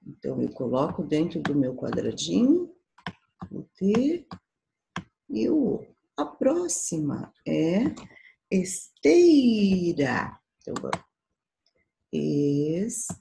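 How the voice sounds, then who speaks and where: A Brazilian woman teaching a primary school class, patiently sounding out syllables slowly for young children. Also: deep voice, sing-song, creaky, dark tone, a little hiss or hum, low-quality recording. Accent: Brazilian Portuguese. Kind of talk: slow, patient remote class lesson.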